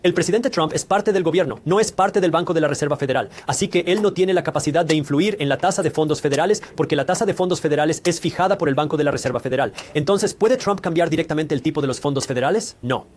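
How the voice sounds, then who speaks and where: A man talks very fast, his voice on the high side and a little mellow, as he hosts a personal finance explainer. It's scripted educational narration aimed straight at the viewer, and he teaches in a didactic way, going step by step with examples.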